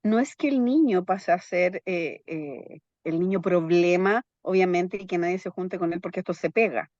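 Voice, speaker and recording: A woman's voice: lowish voice, normal speed, darkish tone, no room sound, dull audio. A woman psychologist explaining in an interview, constantly checking in with her listener through little tag questions. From Chile. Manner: keeps checking in with "¿ya?" tags.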